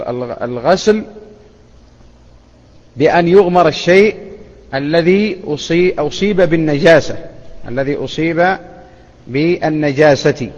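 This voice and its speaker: A man giving a religious lesson, explaining a classical text in a measured way, pausing and correcting himself at times. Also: a little high. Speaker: Islamic scholar teaching hadith. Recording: dull lo-fi sound with long reverb.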